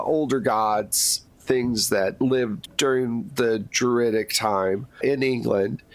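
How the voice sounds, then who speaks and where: A man with a medium-pitched voice acts as game master for a tabletop horror game. His delivery is relaxed and descriptive as he lays out what the players discover and fields their questions.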